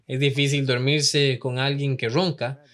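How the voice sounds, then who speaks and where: Un hombre que enseña una lección bíblica en español y hace muchas preguntas al público. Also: male voice, mid-range voice, flat delivery, measured pace, a bit bright. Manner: asks the audience many questions. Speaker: Bible teacher. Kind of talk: Bible study lesson in Spanish.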